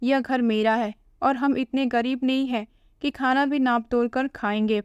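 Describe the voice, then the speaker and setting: A woman voicing a patient, hurt older mother-in-law who speaks in a gentle, pleading way. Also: high-pitched, steady tone, measured pace, smooth, no room sound. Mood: indignant.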